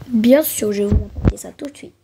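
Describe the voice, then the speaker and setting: A woman's voice: on the high side, steady tone, normal speed, background noise, natural voice. A woman voicing a polite, helpful male baker in a doll role-play. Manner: polite, obliging.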